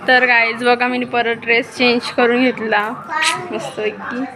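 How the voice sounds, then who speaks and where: A woman's voice: fairly high pitch, level tone, measured pace. A woman vlogging casually, chatting to viewers as she shows her family's morning around the house. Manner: chatty, showing things around to the camera. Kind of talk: casual vlog narration to viewers. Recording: noisy outdoor ambience.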